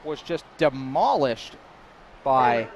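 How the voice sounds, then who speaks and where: A young man giving live college football play-by-play, excitable, rising to shouts on big plays and sometimes stumbling over his words. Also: medium pitch, slow, a crowd in the background. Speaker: play-by-play commentator.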